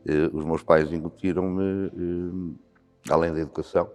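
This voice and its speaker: A volunteer fire commander in his sixties, speaking with a European Portuguese accent, answers interview questions thoughtfully and often hesitates. His voice is deep, steady, measured and darkish. Long hall reverb and faint music surround the recording.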